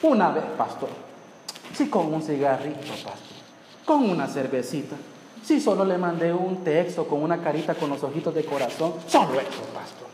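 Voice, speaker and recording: A preacher doing a sheepish excuse-making churchgoer. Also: male voice, on the high side, expressive, normal speed, darkish tone, close to an everyday voice. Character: sheepish adult male churchgoer excusing small sins. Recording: echoey hall with faint noise.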